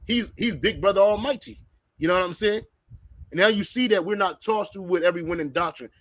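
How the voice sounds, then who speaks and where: A man's voice: high voice, fairly quick, no room sound. A man speaking with preachy conviction in a religious discussion, often repeating words as he starts phrases.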